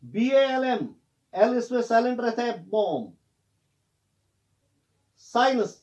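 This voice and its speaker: Male teacher, high-pitched voice, spells out words slowly letter by letter in a classroom lesson. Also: darkish tone. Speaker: English teacher.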